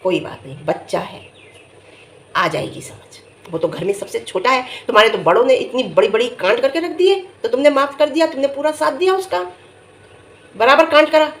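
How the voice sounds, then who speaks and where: A middle-aged woman giving casual vlog commentary, emphatic and scolding, her voice jumping high when she gets indignant. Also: moderate pace. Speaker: vlogger reviewing family vlogs. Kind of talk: casual talking-head commentary.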